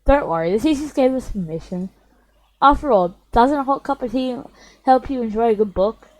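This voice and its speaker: A woman voicing a shy, bookish teenage schoolgirl who speaks softly and gently. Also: a little high, animated, moderate pace, close to an everyday voice, rough recording. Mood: gentle.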